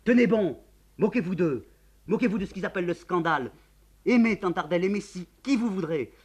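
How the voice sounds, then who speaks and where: Man reading a passionate young guy, declaims, bit husky. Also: fairly high pitch, animated, brisk, pitched above the performer's own voice. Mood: fervent. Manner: fervent, declamatory.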